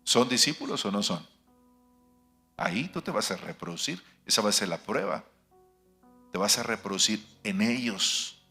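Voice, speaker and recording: A man preaching a sermon as pastor. He fires rhetorical questions at the congregation and swings between loud declarations and hushed asides. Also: on the low side, animated, normal speed, pauses often, faint music behind. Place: church sanctuary.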